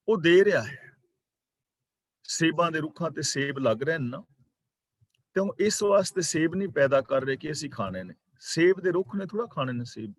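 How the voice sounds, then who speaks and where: A man teaching a daily scripture class online, explaining the meaning of each word, correcting pronunciation and reciting verses slowly. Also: medium pitch, dry recording. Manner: slow, deliberate recitation of verses. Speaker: religious teacher. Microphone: online class microphone.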